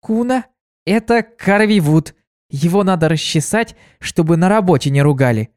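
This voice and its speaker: Brief: a man doing a sweet young pegasus mare, soft and lifted in pitch, dry close sound. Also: animated, moderate pace, clean tone, dry recording. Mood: earnest. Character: gentle sad young female pegasus pony.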